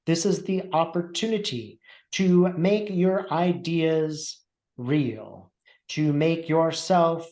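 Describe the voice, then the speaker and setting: A man channeling a measured, oracular spirit teacher, echoey room. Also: fairly high pitch, a little mellow. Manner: measured, formal, oracular phrasing with deliberate pauses. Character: calm, wise spirit collective of Buddhist teachers. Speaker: channeler speaking as a spirit collective. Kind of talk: trance-channeled spiritual teaching, seance medium.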